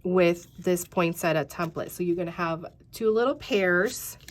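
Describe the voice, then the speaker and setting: A craft channel host in her thirties sounds tired and congested as she chats casually through a tutorial, with slight background noise. Her fairly low voice moves a little slowly, and she rambles with lots of fillers, addressing viewers as "you guys."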